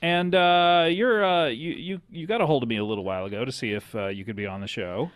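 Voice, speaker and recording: A man hosting a casual comedy interview, halting and rambling in a deadpan way. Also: mid-range voice, no room sound, studio quality. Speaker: comedy show host.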